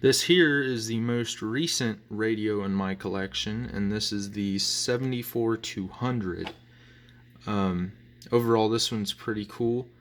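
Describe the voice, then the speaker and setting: A man with a fairly low voice takes his time reviewing items from his collection, rambling and pausing uncertainly as a hobbyist would. He records on a phone, either handheld or propped nearby, and there's a slight hum of background noise.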